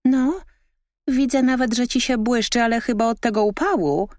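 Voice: mid-range voice, very animated, unhurried, dry recording, clean studio sound, voice pushed up. A woman doing a cheeky, mocking raccoon. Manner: teasing, sarcastic. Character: cheeky mocking little raccoon, sly and carefree.

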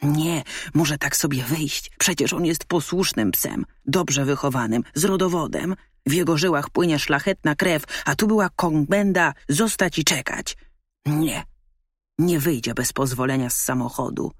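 A woman reading a children's story aloud, narrating in an expressive, lively way. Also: deep voice, measured pace, slightly rough, no room sound. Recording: dry close studio sound.

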